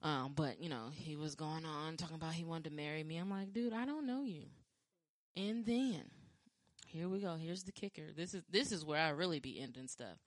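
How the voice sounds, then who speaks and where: A woman chatting casually about her dating experiences, rambling with frequent restarts and fillers, and acting out quoted lines with lively jumps in pitch. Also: brisk, dry recording. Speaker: podcast talker sharing dating stories. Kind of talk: casual chat.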